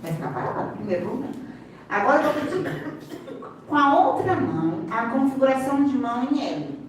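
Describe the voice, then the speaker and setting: A woman's voice: sits high, sing-song, a little fast. A woman with a Brazilian Portuguese accent gives a live seminar explanation as a speaker and sign language interpreter. She is instructive, keeps pointing the audience to the demonstration, and adds playful asides. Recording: very echoey hall, distant mic, faint room noise.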